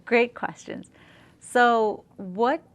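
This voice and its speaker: A middle-aged woman from Zambia, a dentist, talking in a casual interview with eager, warm storytelling and frequent fillers. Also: fairly high pitch, very slow.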